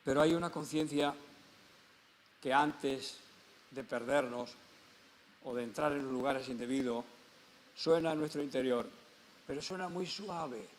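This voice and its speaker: A man's voice: mid-range voice, fairly even intonation, unhurried, long pauses, a little hiss or hum. A man with a Spanish accent, a pastor preaching a sermon, telling stories in a conversational way with repetitions and rising emphatic peaks. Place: church.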